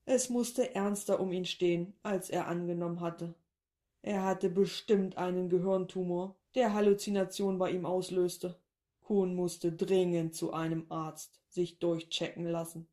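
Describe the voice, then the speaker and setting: A woman narrating a short story in a calm, even read-aloud manner. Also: lowish voice, a little slow.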